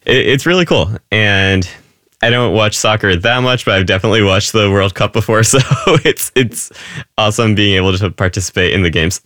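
A man's voice: fairly low pitch, a little fast, a bit bright, dry recording, clean studio sound. A man from Rhode Island, an illustrator, answering interview questions candidly with small laughs. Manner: candid, laughs between points. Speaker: illustrator guest.

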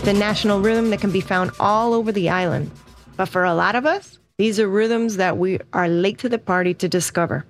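A woman's voice: medium pitch, fairly quick, music in the background. A woman in her thirties narrating a documentary as host, in a reflective, earnest storytelling way. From United States.

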